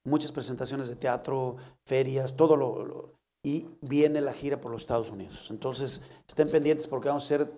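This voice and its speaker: A man with a Mexican accent, a guest comedian telling stories and teasing in a relaxed bar chat. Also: mid-range voice, moderate pace. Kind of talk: casual joking chat. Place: bar set.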